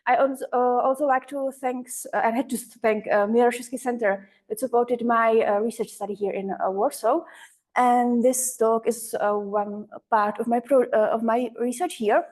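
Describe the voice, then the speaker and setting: A woman's voice: on the high side, fairly even intonation, moderate pace, darkish tone. A woman presenting a paper at an academic conference, hesitant and often correcting herself.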